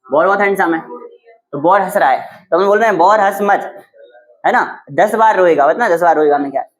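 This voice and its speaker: A man's voice: sits high, fairly quick, poor audio. Man teaching chemistry, quizzing students. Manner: quizzes students with rhetorical questions; uses silly memory tricks. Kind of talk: classroom lesson.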